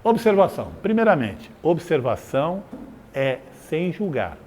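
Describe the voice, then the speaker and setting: Male speaker, psychologist giving a casual live talk; fairly high voice with lots of melodic swing, acts out little scenes; faint room hiss behind. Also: measured pace. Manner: animated, conversational, acts out examples with swings in pitch. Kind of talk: live lecture to a small audience. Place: community meeting room.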